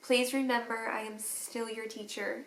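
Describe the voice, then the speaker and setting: Teacher lady crying thru a message to her class, slow and gravelly, echoey room. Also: on the high side, steady tone, a little hiss or hum. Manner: tender, halting, with teary laughs. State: crying, sniffly. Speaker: third grade teacher. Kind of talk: tearful video message to students.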